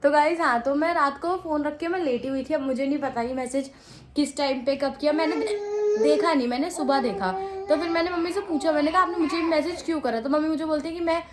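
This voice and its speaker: A woman's voice: high-pitched, fast, slight background noise. A young adult woman vlogger telling a story to camera in a rambling, chatty way, full of fillers and repeats. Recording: echoey room.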